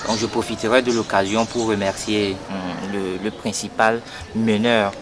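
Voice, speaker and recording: A man's voice: lowish voice, little pitch movement, moderate pace. A young man, giving an earnest political statement for an interview and hesitating often with fillers and repeated words. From Togo. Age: 20s. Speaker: young party activist. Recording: noisy outdoor street recording.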